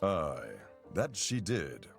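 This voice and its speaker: A man's voice: low-pitched, very animated, very slow, soft background music, full character voice. A man voicing a blunt, protective young male student in a game, folksy and plain-spoken. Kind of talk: game voice acting.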